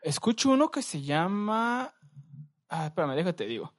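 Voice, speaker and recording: A young man with a Mexican Spanish accent, co-hosting a podcast and telling stories in a relaxed, slangy, rambling way. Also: high-pitched, normal speed. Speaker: podcast co-host. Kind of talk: casual chat.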